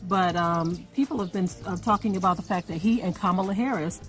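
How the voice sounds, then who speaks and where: A woman's voice: on the low side, brisk, poor audio. Earnest woman telling a story, faint music. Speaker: co-host. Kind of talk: casual conversation.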